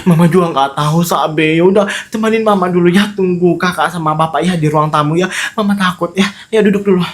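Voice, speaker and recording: A woman's voice: on the low side, a little fast, few pauses, lightly acted. A woman playing an anxious, easily frightened mother in a comedy skit. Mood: worried. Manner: fretful, pleading.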